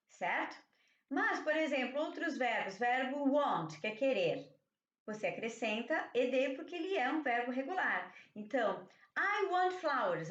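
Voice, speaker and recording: A woman teacher giving a slow, patient review lesson, often checking in with "ok?". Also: a little high. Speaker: English teacher. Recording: echoey, slightly dull room audio.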